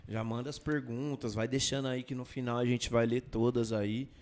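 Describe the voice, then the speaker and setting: A man hosting a podcast, throwing in quick, upbeat remarks and questions to his guest from a desk mic in a small studio. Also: mid-range voice, flat delivery, over a noisy crowd. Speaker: podcast host. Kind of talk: casual podcast chat.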